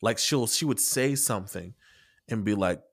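A man's voice: on the low side, moderate pace, a bit bright, breathy edge. A man in casual podcast chat, rambling with many restarts and casual swearing as he explains an article he wrote. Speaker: podcast co-host and article writer.

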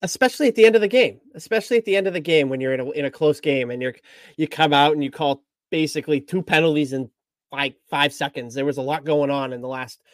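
Male sports podcast co-host, measured and easygoing, dry close sound. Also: fairly high pitch, no echo. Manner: measured, agreeable, tempers his partner's claims. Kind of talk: casual sports podcast chat.

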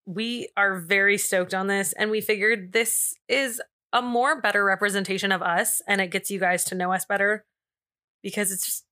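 Here a podcast co-host speaks at medium pitch and normal speed, her intonation fairly even and her tone pushed and bright. She chats casually and tells stories playfully, using informal language and slang.

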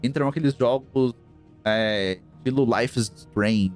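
A man's voice: medium pitch, a little slow. Slangy Brazilian man over music. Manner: slangy, emphatic, repeats himself. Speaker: host of a gaming podcast. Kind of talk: casual chat.

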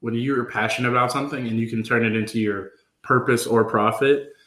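A man's voice: mid-range voice, fairly even intonation, brisk, fairly bright tone. A man in his twenties hosting a podcast, talking in a laid-back, joking way with trailing fillers. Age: 20s. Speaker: podcast host. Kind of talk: casual podcast chat. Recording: roomy echo.

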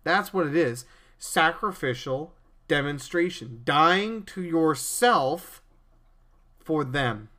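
Man, podcast host, earnest preachy monologue, stammering restarts, slightly high voice. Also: lively intonation, slow, pushed and bright.

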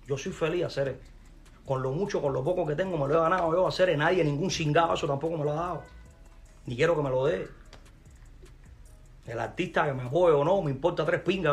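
Combative Cuban man ranting. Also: on the high side. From Cuba. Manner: combative, mocking, crude street slang. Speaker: musician. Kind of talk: direct-to-camera rant.

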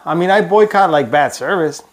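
A man's voice: a little high, expressive, moderate pace. A man co-hosting a casual podcast, talking informally and questioning his partner. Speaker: podcast co-host.

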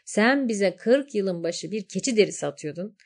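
A woman voicing a talking animal guard who slowly pleads to be forgiven. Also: mid-range voice, animated. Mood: pleading. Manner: slow, drawn-out pleading.

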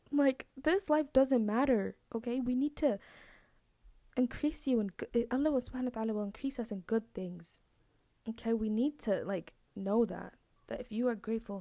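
A woman's voice: medium pitch, vocal fry, warm tone, dry recording. A woman hosting a podcast, giving a casual, earnest religious talk that repeats its points. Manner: earnest, repetitive, conversational. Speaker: podcast host.

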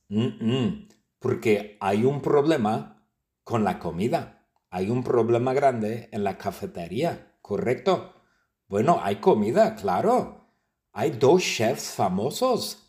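A man telling a silly story for language learners in simple, repeated phrases. He speaks slowly and clearly, and his pitch moves up and down a lot. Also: dark tone. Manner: simple repetitive phrasing, playful.

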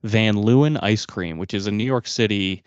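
A man's voice: lowish voice, normal speed, clear, resonant tone, no echo. A man co-hosting a casual podcast chat, rambling and searching for words as he explains things. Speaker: podcast co-host. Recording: dull dry lo-fi sound.

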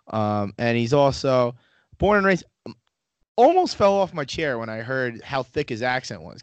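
A man's voice: medium pitch, clean tone, no room sound. A man co-hosting a podcast in casual chat, rambling and joking as he tells stories. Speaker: podcast co-host.

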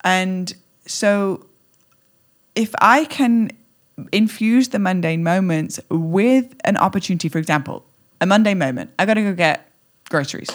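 A woman with a mid-range voice talks in an animated, conversational way. She is playful and exuberant, acting out little scenes with bursts of laughter and squeals as a podcast guest. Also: mid-range voice, unhurried.

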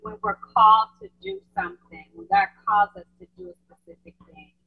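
A woman's voice: on the high side, sing-song, a little fast, vocal fry, breathy edge, narrow, tinny audio. A woman calling in to share, speaking over a Bluetooth headset that makes her sound far away. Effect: thin, distant Bluetooth headset sound. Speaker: caller. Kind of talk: casual call-in sharing.

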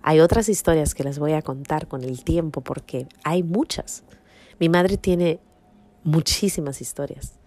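A woman's voice: low-pitched, a little slow, darkish tone. A woman hosting a podcast, telling a personal faith testimony with emotion and sometimes dropping to a whisper. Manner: emotional storytelling, drops to a whisper at tense moments. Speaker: podcast host.

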